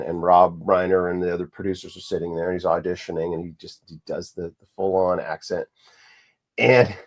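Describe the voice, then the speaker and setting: A man hosting a podcast, telling a story in a relaxed, conversational way with frequent restarts and fillers. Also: low voice. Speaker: podcast host. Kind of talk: casual conversation.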